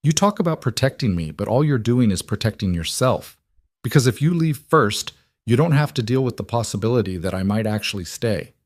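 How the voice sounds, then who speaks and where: A man's voice: on the low side, animated, brisk, dry recording, studio quality, lightly acted. A man voicing a distraught young woman who pleads and argues with a lover, in a dramatic story reading. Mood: raw. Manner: pleading, heated. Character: distraught young woman, fierce, desperate in love.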